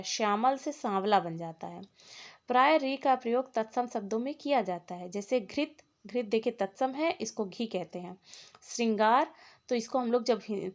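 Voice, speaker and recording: A woman gives a lesson in a fairly high voice. She explains each point in turn and reads out long word lists one after another. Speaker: teacher. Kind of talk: exam-prep lecture on Hindi linguistics.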